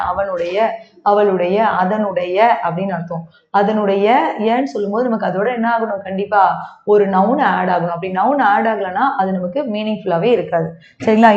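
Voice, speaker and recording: A woman's voice: medium pitch, a little mellow, echoey room, dull audio. A woman with a Tamil accent teaching an English grammar lesson for exam preparation. She switches between Tamil and English and keeps asking the class whether they follow.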